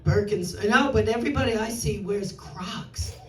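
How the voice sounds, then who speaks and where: With crowd noise in the roomy, distant club sound, a New York woman in her sixties does brash, self-mocking stand-up. Her voice is medium in pitch and moves at a moderate pace.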